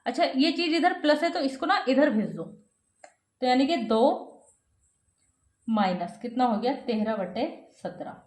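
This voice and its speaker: High-voiced woman teaching math in an echoey room. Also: expressive, measured pace, pauses often, a little mellow. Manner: asks students questions then answers them herself. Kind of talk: step-by-step math lesson.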